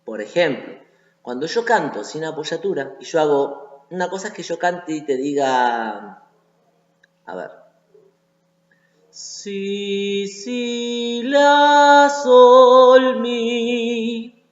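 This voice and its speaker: A singing teacher with a Rioplatense Spanish accent gives an online voice lesson, explaining step by step and often checking in with the listener. His voice is on the high side, animated and unhurried, and the recording is an echoey lo-fi room.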